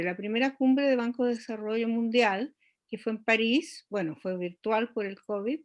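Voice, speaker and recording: Woman, economist guest, fairly high voice, measured, hesitant fillers. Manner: measured, many hesitations and restarts. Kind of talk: explanatory interview talk.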